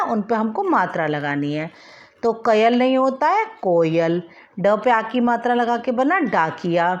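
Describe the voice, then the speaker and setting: A woman teacher giving a recorded primary school language lesson, dictating example words slowly and mixing in English words. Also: a little high, lo-fi sound. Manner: slow, deliberate dictation of example words and sentences; mixes English words into Hindi. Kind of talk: recorded online class lesson.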